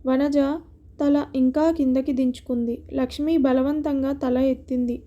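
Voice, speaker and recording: A woman storyteller narrating an audiobook story in a calm, steady reading. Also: high-pitched, a little slow, muffled recording.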